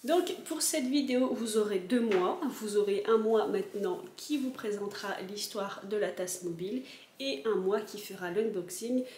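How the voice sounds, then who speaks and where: Woman vlogger, casual explainer, hesitant fillers, mid pitch, echoey room. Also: moderate pace, darkish tone, slight background noise. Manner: chatty, explaining with frequent fillers.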